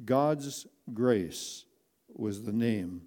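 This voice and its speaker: A man narrating a first-person inspirational story slowly and earnestly, with dramatic pauses. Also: fairly low pitch, lively intonation, warm tone.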